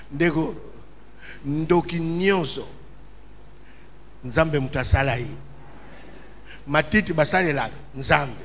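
A man's voice: on the high side, slow, long pauses, fairly bright tone, a little hiss or hum. A man preaching a sermon as pastor in a church hall, impassioned and calling out in emphatic bursts. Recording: reverberant hall with faint ambience.

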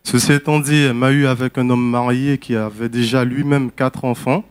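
A man's voice: medium pitch, fairly even intonation, moderate pace, smooth. A man from Guiana, giving a candid, hesitant personal testimony at a church service. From French Guiana.

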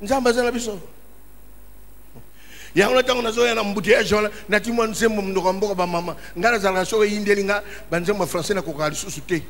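A man's voice: sits high, fairly even intonation, fast talker, a bit bright. A man preaching a sermon as pastor in a church hall, impassioned and calling out in emphatic bursts. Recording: reverberant hall with faint ambience.

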